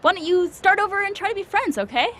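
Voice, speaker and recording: Breezy, high-voiced teasing big sister. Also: female voice, animated, quick pace, a bit bright. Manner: playful, casual, sassy. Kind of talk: animated series dialogue. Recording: background music behind dialogue.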